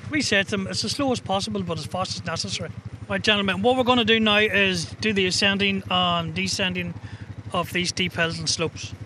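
A man speaks as a practical safety instructor. His voice is high and bright, recorded outdoors with faint vehicle noise behind it. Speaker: quad bike safety instructor. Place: outdoors at training course.

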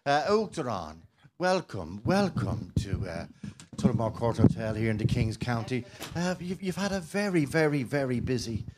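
A man's voice: mid-range voice, sing-song, natural voice. Comedy sketch interviewer man acting: Dublin accent, fumbling, repetitive radio host, faintly noisy location sound. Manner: halting, repetitive questioning. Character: bumbling Dublin radio phone-in host, comic impression.

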